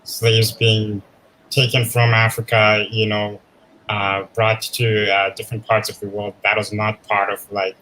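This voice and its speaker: Guest from Zimbabwe, male, bright tense timbre, animated storyteller. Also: on the low side, a little slow, slight background noise, low-quality recording. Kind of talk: casual conversation.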